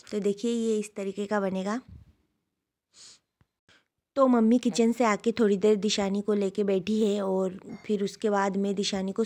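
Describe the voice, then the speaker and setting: A young woman from India, a new mother, chatting casually at home in her vlog and explaining what she shows on her phone camera. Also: mid-range voice. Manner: chatty, explains while showing things. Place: home, indoors.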